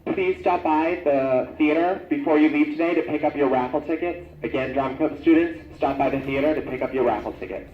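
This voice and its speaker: Man, high voice, formal school intercom announcer, repeats each notice; muffled echoey loudspeaker sound. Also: fairly quick, hardly any pauses. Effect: over a school intercom loudspeaker. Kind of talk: public address announcement.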